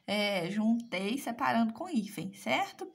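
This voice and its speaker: A woman's voice: on the high side, very animated, unhurried, creaky. A woman teaching a recorded language class, explaining step by step and checking in with "right?" after each point. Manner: explanatory, asks "certo?" and "né?" again and again. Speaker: Portuguese teacher.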